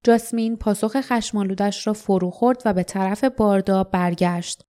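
A woman reading an audiobook aloud in a calm, even narration. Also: mid-range voice. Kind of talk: scripted narration.

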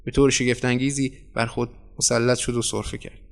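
A man's voice: medium pitch, level tone, vocal fry. A man narrating a translated short story for an audio series. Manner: measured storytelling. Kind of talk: scripted narration.

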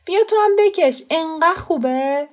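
A woman voicing a bratty, boastful little boy who bosses others around in a taunting, shouty way. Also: extremely high pitch, animated, voice pushed up. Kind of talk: audiobook character voice.

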